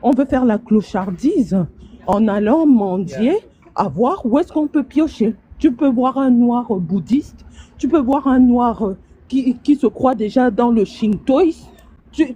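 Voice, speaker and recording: Calling into a live stream from a street outdoors, a woman argues hard in a heated casual debate, stumbling over repeated words as she makes her point. Her voice is a little high, animated and dark in tone, at a slow pace. The recording is muffled, with slight background noise.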